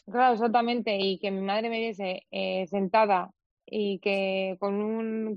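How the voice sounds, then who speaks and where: A woman's voice: medium pitch, no room sound, muffled recording. A young woman from Spain, a guest in an interview, recounting a difficult personal experience with many quoted dialogues and restarts. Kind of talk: emotional personal account in an interview.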